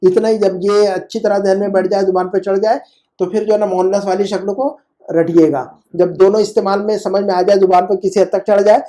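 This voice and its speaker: A man's voice: high-pitched, little pitch movement, a little fast, mellow. A man teaching an Arabic lesson over a video call, patient and repetitive, often checking that his student has understood. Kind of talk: online one-on-one language lesson.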